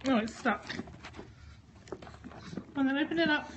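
Slow-talking woman coaxing her dogs. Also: high-pitched, a little hiss or hum. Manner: coaxing, sing-song praise to pets. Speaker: dog owner filming an unboxing. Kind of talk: casual talk to her dogs while unboxing.

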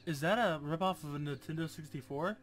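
A man's voice: fairly high pitch, a little fast, fairly bright tone, a little hiss or hum. A young man casually commenting on a game he plays, sarcastic and jokey, with a lot of swearing. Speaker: gamer. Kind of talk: casual let's-play commentary.

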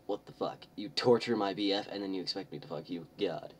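A man's voice: sits low, fairly quick, far from the mic. A man reading the lines of an angry, crudely swearing teenage goth girl in a comic fan-fiction reading.

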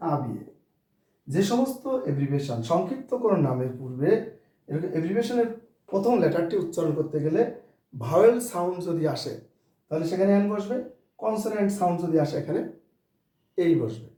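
Male teacher, mellow, slightly high voice, spells words out and answers his own questions; distant mic, very echoey room. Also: animated, fairly quick, long pauses. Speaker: English teacher. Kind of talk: spoken English lesson.

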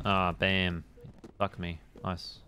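A man's voice: deep voice, flat delivery, slow pace, bright, forceful tone, slight background noise. A young adult man, chatting casually on a gaming live stream, rambling laid-back and swearing at the game.

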